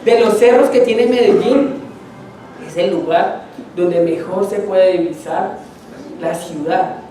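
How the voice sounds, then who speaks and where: A middle-aged man with a Colombian accent gives a sermon in a conversational way and keeps putting questions to his listeners. His voice is mellow and a little dark in tone. It was recorded from a distance in a strongly echoing church hall, with a faint hiss behind it. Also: sits high, slow. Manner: conversational, asks the congregation questions. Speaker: preacher. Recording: echoey hall, distant mic.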